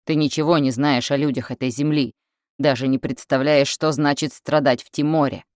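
A man's voice: mid-range voice, fairly even intonation, moderate pace, no echo, clean studio sound, lightly acted. A woman doing a mocking young carpenter. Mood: mocking, defiant. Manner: mocking, sharp. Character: sarcastic, defiant young male carpenter.

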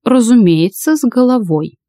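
A woman voicing a stern, composed old woman who speaks in a measured, dry way. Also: a little high, animated, mellow, no echo, voice pushed up, natural voice. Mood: cold.

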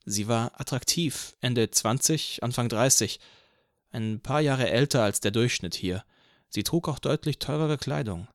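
A man narrating an audiobook in the first person with an even, measured reading from a close studio mic. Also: mid-range voice, no room sound.

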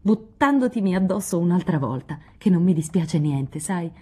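A woman's voice: on the low side, expressive, normal speed, dark tone, breathy edge. A woman reading a teasing, kind teenage boy. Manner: reassuring, playful. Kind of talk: audiobook character reading.

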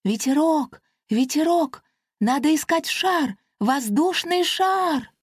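A woman reading a storybook aloud and voicing a small, excitable girl air fairy who talks in an eager, insistent rush. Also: sits high, normal speed, no room sound, clean studio sound, pitched above the performer's own voice. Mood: excited. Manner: breathless, insistent, bubbly.

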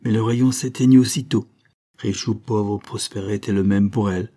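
A man narrating a novel aloud in a measured, even storytelling manner. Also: lowish voice. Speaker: audiobook reader. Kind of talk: scripted narration.

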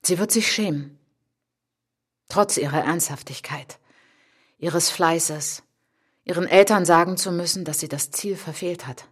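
An actress in a literary radio drama monologue plays a proud, wounded young Frenchwoman reflecting on herself thoughtfully and deliberately. Her lowish, husky voice sounds bitter and subdued, intense and measured, sometimes sinking to a whisper.

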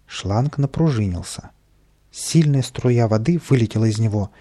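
A man narrating a children's audiobook in a lively storytelling manner. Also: mid-range voice, normal speed. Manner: lively storytelling, plays all the voices.

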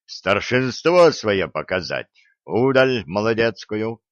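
A man voicing a proud, steady warrior boyar in an audiobook, speaking slowly and weightily. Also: lowish voice, no room sound, dull audio. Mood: stubborn. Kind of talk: audiobook character reading.

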